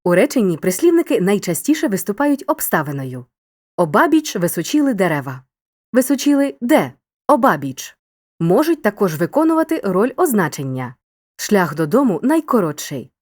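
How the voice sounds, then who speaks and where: A woman narrates a scripted grammar lesson for children. Her delivery is clear and encouraging, with a very animated, swooping intonation that keeps young listeners engaged. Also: mid-range voice, moderate pace. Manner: clear, upbeat, encouraging teacher tone. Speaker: teacher.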